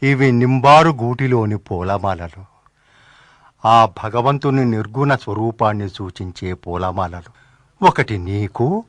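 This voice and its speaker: Slow, stern old saint. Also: male voice, dry recording. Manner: slow, lively pitch, bursts into angry shouts. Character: stern commanding old male saint, quick to anger. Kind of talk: devotional drama dialogue.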